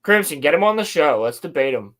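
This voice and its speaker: A man's voice: fairly high pitch, very animated, over a noisy crowd. A man hosting a podcast, chatting casually and stumbling over repeated words. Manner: easygoing, halting, repeats words. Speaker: podcast host. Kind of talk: casual reaction chat.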